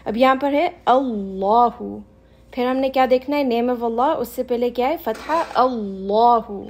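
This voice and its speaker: Woman teaching a class, patient and slow. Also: on the high side, steady tone. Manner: patient, mixes Hindi-Urdu with English, repeats examples slowly. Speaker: Quran recitation teacher. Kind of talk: class lesson.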